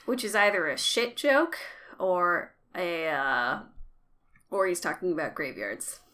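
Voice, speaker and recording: A woman's voice: lowish voice, lively intonation, pushed and bright. Chatty woman recapping with wry asides. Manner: chatty, wry, quotes characters in quick voices. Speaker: podcast co-host recapping an episode. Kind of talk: casual chat and recap narration.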